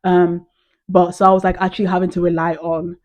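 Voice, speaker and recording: A young British woman vlogs in casual chat, gushing and peppering her talk with "like" and "um". Her voice sits a little low, with a warm, mellow tone. She talks straight to camera. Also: flat delivery, brisk. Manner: chatty, gushing, heavy use of "like" and "um". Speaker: vlogger.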